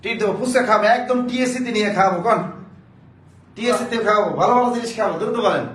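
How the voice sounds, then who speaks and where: Male teacher, high voice, urgent coaxing delivery, distant mic in an echoey room. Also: a bit bright. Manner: urgent, coaxing viewers to answer fast; drills facts by repeating questions and answers. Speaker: Bangla grammar teacher. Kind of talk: live online class. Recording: roomy, distant mic, faint background noise.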